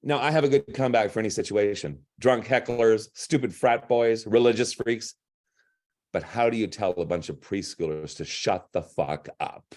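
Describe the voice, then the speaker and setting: Man, storyteller, gruff voice, wry punchlines, mid-pitched. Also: darkish tone. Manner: wry, punchline-driven delivery. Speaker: storyteller and drag performer. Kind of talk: reading a personal story aloud.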